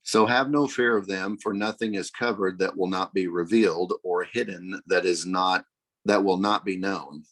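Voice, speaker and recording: A man with a low, deep voice reads scripture aloud for a church class. His delivery is plain and steady, verse after verse. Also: moderate pace, rough recording. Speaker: class member reading scripture. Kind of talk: reading Bible verses aloud.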